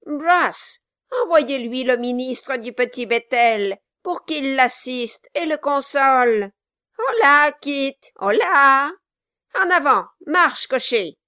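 A woman's voice: high voice, expressive, takes it slowly, sharp tone, dry recording, clean studio sound, pitched above the performer's own voice, heavily acted. A woman voicing a hideous, gleeful dwarf man who jeers and cackles with mocking laughter. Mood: jeering glee. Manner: shrieking, jeering with cackling laughs.

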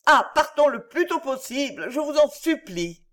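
Lady reading as a weepy earnest young girl, high and pleading, voice swoops a lot. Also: sing-song, measured pace, fairly bright tone, exaggerated voice. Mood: tearful pleading. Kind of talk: audiobook reading.

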